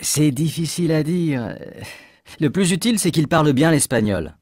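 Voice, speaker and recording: A man reading a scripted textbook dialogue as a hiring manager, clear and measured. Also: on the high side, animated, a little mellow, dry recording, studio quality.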